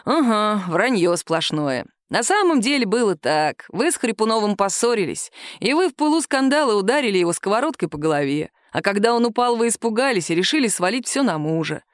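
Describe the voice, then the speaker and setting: A woman voicing a calm, caustic male police captain who questions a suspect slowly in an audiobook. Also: medium pitch, no room sound, natural voice. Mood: dry. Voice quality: nagging, dry. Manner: slow, calm, measured interrogation.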